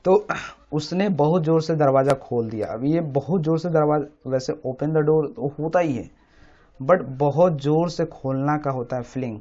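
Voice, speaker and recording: A man whose voice is warm and fairly high explains English grammar methodically, repeating important words again and again. He often checks in with "samajh rahe hain na?", all on a dull lo-fi recording.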